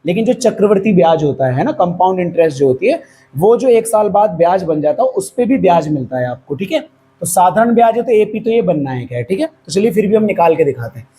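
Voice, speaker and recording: A hoarse male maths teacher works at a whiteboard, his high-pitched, dark voice very animated and brisk. Patiently he poses questions to the class and answers them himself, with faint background noise behind him.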